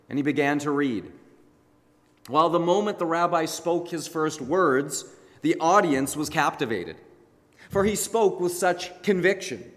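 Preacher with a ringing hall echo. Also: male voice, on the high side. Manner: dramatic retelling with emphatic pauses. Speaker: pastor. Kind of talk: sermon storytelling. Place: large church sanctuary.

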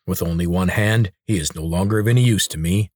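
Cold commanding master, low and clipped, read by a male narrator. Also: a little fast, darkish tone.

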